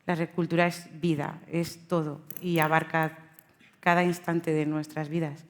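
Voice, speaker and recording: A woman's voice: sits low, little pitch movement, unhurried. A woman bookseller speaking on a panel, hesitant, with many fillers and restarts. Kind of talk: panel talk. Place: event hall.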